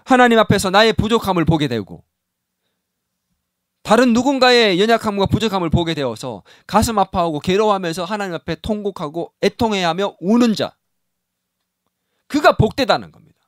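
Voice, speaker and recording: Animated, high-voiced pastor preaching. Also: male voice, brisk, no echo, studio quality. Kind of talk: sermon. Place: church sanctuary.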